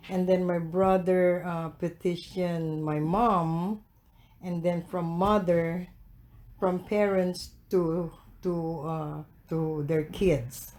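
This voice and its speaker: A Filipino man in his sixties, speaking with a Filipino accent, answers oral history interview questions hesitantly and with many filler pauses. His voice is high-pitched and a little mellow.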